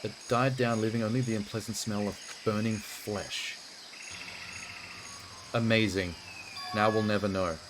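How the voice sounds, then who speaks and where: A man's voice: lowish voice, steady tone, measured pace, long pauses, noisy background. A man hosting a video game playthrough, giving casual, blunt and exasperated commentary and reading game text aloud. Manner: reacts exasperatedly, blunt asides. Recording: music behind the voice. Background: game music.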